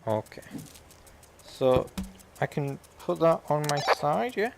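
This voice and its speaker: A male gaming YouTuber talks through his gameplay casually and mocks himself along the way. His voice is gravelly with a good deal of fry, and his pitch rises and falls freely. A clear hiss of noise sits under the recording. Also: lively intonation, slow. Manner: chatty, self-mocking, breaks into exclamations.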